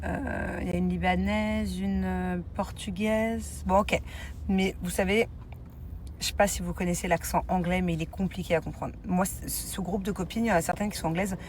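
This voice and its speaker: A woman's voice: lowish voice, fairly even intonation, moderate pace, darkish tone, a little hiss or hum. A woman in her thirties vlogging casually to camera, rambling along with fillers and side comments. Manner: rambling and chatty, lots of fillers and asides.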